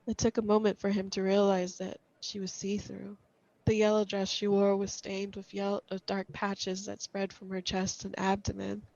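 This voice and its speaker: A woman reading a scripted horror story aloud in a measured, suspenseful way. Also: mid-range voice, completely flat delivery, vocal fry, darkish tone, no echo, lo-fi sound.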